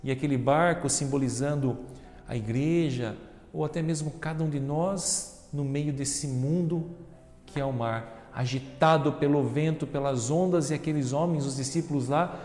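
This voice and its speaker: A Brazilian deacon with a slightly high voice delivers an earnest homily, sometimes dropping to a hushed murmur and sometimes rising to forceful emphasis. His words ring through the long reverb of a large church sanctuary. Soft music plays faintly beneath him. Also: normal speed. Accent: Brazilian Portuguese. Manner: earnest preaching, addresses listeners as brothers and sisters; swings between hushed reflective tones and loud emphatic reading. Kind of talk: Gospel reading and homily.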